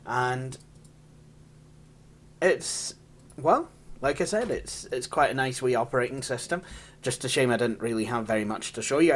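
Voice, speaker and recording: A Scottish tech channel host casually walks through an old operating system, rambling, poking fun at himself and laughing often. His voice is medium-pitched, with slight background noise.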